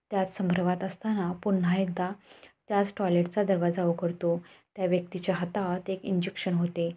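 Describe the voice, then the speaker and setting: A woman telling a story in steady, scripted narration. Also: lowish voice, breathy edge. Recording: dull lo-fi recording.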